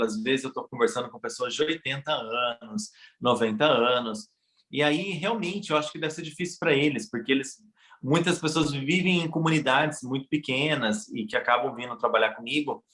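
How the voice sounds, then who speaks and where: A Brazilian man, a guest, chatting in an animated way and acting out bits of dialogue. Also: mid-range voice, echoey room. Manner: animated, quick shifts of pace, acts out dialogue. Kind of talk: casual conversation.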